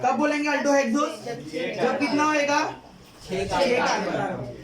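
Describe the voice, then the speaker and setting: A man's voice: very high voice, expressive, takes it slowly. A male chemistry teacher lecturing a class, repeating points and quizzing students with questions. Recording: echoey classroom, distant mic, student chatter.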